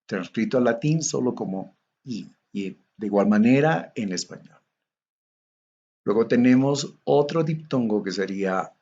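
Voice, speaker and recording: Slow, husky man reading Greek letter tables. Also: lowish voice, warm tone, highs cut off. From Bolivia. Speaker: theology lecturer. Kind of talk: recorded online lecture.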